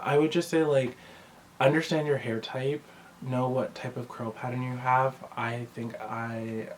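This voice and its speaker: A vlogger chats to camera about his personal routine in a medium-pitched voice, with slight background noise. He's casual and rambling, often cutting himself off mid-thought.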